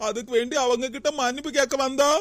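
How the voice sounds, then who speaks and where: Young cartoon daughter-in-law, kanyakumari tamil accent, pleading, high dry voice, woman voicing her. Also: fairly even intonation, fast, no echo, lightly acted. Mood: aggrieved. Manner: pleading, aggrieved. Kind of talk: cartoon voice acting.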